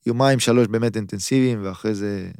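Gravelly man telling a story. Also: fairly low pitch, no room sound, clean studio sound. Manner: animated, acts out both sides of phone calls. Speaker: guest footballer. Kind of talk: casual storytelling.

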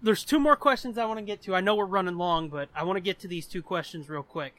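This podcast host is an American man in his twenties with a high-pitched, fairly bright voice and a fast delivery. He chats casually, telling personal stories in a rambling way peppered with profanity.

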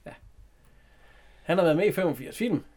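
Co-host, male: relaxed film chat, fillers and laughs, voice a bit high. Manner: chatty, hesitant, laughs often. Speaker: podcast co-host. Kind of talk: casual chat retelling a film.

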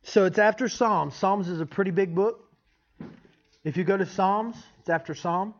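A man's voice: high-pitched, moderate pace. A man giving an informal, folksy teaching sermon as a preacher, often checking in with his listeners. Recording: dull, lo-fi sound.

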